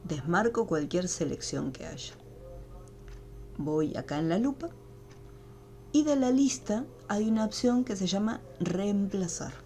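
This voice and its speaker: A woman's voice: mid-range voice, animated, unhurried, pauses often, dark tone, soft background music. Patient woman teaching a class. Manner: patient, step-by-step explaining. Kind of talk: online class. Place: home room, online video call. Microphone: computer mic on a video call.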